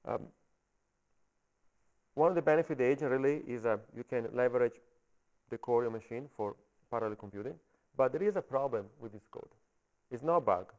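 A man with an Italian accent giving a technical talk at a meetup, halting and often checking in with the audience. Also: medium pitch, darkish tone, rough recording. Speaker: conference speaker. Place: coworking space meetup room.

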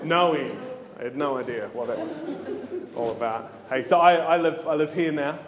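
A man's voice: a little high, moderate pace. Man, 30s, New Zealand accent, stand-up comic, self-deprecating banter, echoey club, crowd noise. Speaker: stand-up comedian. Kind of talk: stand-up comedy set. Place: comedy club stage.

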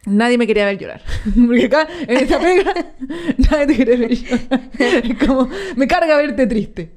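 A woman's voice: a little high, moderate pace. A young Chilean woman co-hosting a podcast in casual chat, telling stories bluntly with slang. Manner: blunt, animated storyteller with slang. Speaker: podcast co-host.

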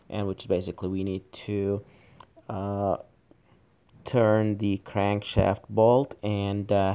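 A man casually explaining car engine work step by step outdoors, halting with many fillers. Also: low voice, creaky, darkish tone, poor audio. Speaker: amateur car mechanic vlogger. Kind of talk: casual how-to commentary.

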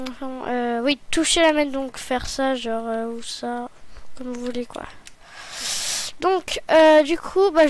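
A woman hosting a software tutorial, talking hesitantly and often correcting herself with apologies. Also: high-pitched. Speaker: tutorial host. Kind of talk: screen-recorded software tutorial.

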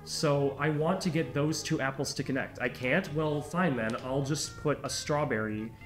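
A man giving casual commentary while he plays a video game, muttering to himself and then urging the pieces on in excited bursts. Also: fairly high pitch, normal speed. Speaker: player. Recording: roomy echo, faint game music.

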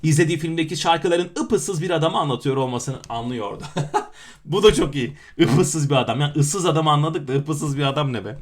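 A man's voice: on the high side, a little fast. A man teaching grammar by working through exam questions, with playful self-mocking asides between emphatic explanations. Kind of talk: exam question walkthrough lesson.

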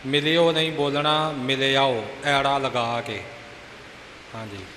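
Slow-talking guy teaching recitation, patient, fixing pronunciation, echoey hall with a bit of hiss. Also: on the high side, bright, forceful tone. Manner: patient, deliberate corrections, repeating phrases. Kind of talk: correcting pronunciation in a lesson.

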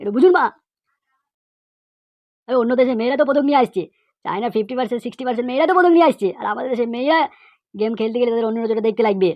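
In this cartoon comedy monologue, a woman plays a loudmouthed pupil who lectures indignantly and preachily, leaning on rhetorical questions and repeated phrases. She races along with frequent pauses, her voice high-leaning, darkish and near everyday speech, with no echo at all.

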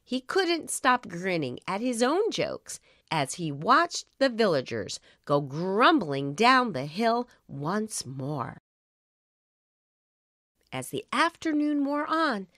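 A woman narrating a children's audiobook with slow, expressive bedtime-story reading. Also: mid-range voice, no echo, studio quality.

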